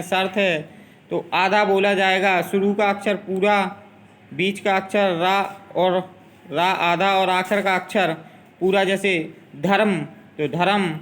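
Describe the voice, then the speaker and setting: A man gives a grammar lesson, speaking slowly and deliberately as he repeats pairs of words. His voice sits high and sounds bright and forceful, and he keeps a steady teaching cadence throughout. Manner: deliberate, repeats word pairs to drill pronunciation.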